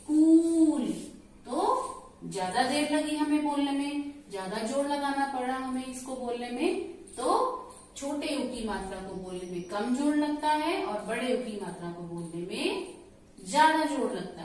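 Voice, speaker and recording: A woman teacher giving a slow, patient lesson and asking her pupils questions. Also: high voice, animated, slight background noise. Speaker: school teacher. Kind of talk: classroom lesson. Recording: very echoey room, voice from far off.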